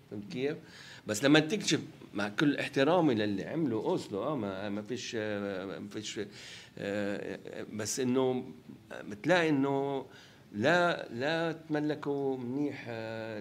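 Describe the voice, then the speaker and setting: A man with a Palestinian Levantine Arabic accent giving a reflective interview, halting as he searches for words and checking that the listener follows. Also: mid-range voice, a little hiss or hum. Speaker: interviewed film director.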